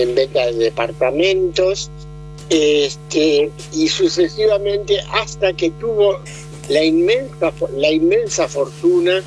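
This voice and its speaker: A man's voice: a little high, a little mellow, low-quality recording. Hesitant Argentine man explaining politics. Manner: explanatory, many hesitations and restarts. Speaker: political commentator. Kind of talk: conversational political analysis.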